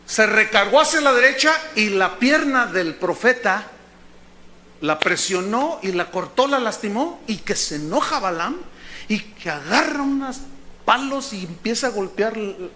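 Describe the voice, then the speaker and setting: A man preaching an animated sermon as pastor, acting out dialogue and at times breaking into shouts. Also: high-pitched, unhurried, a little hiss or hum. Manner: lively, acts out dialogue with bursts of shouting.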